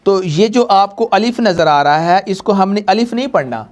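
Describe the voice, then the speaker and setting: High-voiced, with lively intonation, a man runs a Quran reading lesson for students and viewers, repeating points patiently and quizzing them in a slow, call-and-response drill.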